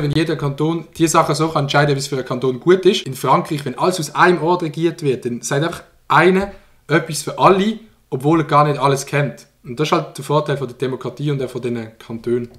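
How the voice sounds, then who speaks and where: A man's voice: a little high, fairly bright tone. A young man with a Swiss German accent giving slangy, joking reaction commentary and laughing often. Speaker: YouTuber reacting to a video.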